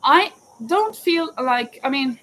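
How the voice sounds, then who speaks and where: Her voice sits high, fairly bright and expressive, and she speaks at a slow pace over slight background noise. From Norway and with a Norwegian accent, this crochet vlogger and teacher crochets live at home in Spain, crickets outside, chatting casually, rambling a little, self-correcting and answering viewers' questions.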